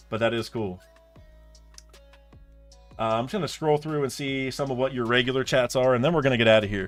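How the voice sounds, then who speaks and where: Reacting to a comic chapter on his live stream, this young male streamer speaks in a mid-range, fairly bright voice. His casual chatter wanders, and he keeps restarting sentences and dropping in fillers as he thinks out loud.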